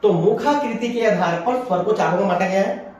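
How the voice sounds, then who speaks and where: A man's voice: sits high, a little mellow. Male teacher dictating in a very echoey room. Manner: repeats and dictates slowly for note-taking. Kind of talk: classroom lecture dictating notes. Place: classroom.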